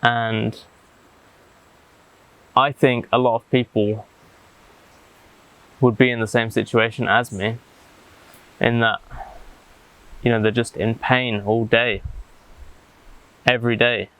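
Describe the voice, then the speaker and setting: A man speaking reflectively and haltingly, with deliberate pauses, as he vlogs outdoors in the jungle. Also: medium pitch, flat delivery, fairly bright tone, poor audio. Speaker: vlogger. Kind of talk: reflective talk to camera.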